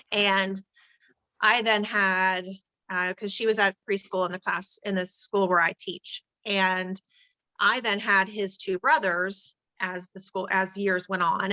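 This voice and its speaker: A woman's voice: mid-range voice, bright, forceful tone, no room sound, low-quality recording. A middle-aged woman, a teacher and advocate, telling a personal story in conversation, earnest and emotional, with many fillers and restarts. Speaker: interview guest, teacher and charity advocate.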